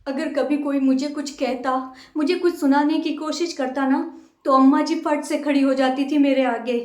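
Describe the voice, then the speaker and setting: A woman's voice: high-pitched, fairly even intonation, normal speed, darkish tone, echoey room, slight background noise, lightly acted. A woman playing a caring, patient middle-aged mother-in-law who reasons earnestly with her daughter-in-law.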